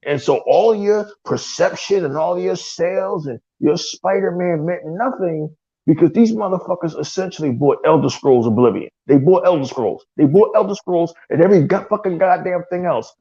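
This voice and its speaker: Gravelly man ranting on a gaming podcast. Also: sits high, animated, normal speed, mellow, highs cut off. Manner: heated, ranting, mocking impressions. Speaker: podcast co-host. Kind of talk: casual profane gaming talk.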